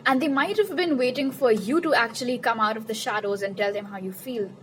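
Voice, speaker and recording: A woman's voice: on the high side, a little fast, slight background noise, poor audio. A woman reading tarot cards in a casual, chatty way, repeating her questions to Spirit and laughing at her own jokes. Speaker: tarot reader.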